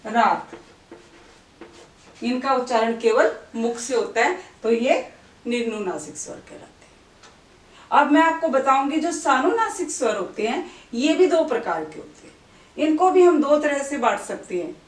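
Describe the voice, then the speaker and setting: A woman's voice: sits high, animated, normal speed, far from the mic. A woman teaching a grammar lesson, explaining step by step, asking questions and answering them herself, and asking the listener to say words along with her. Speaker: Hindi teacher. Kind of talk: classroom-style grammar lesson. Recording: echoey room, voice away from the mic.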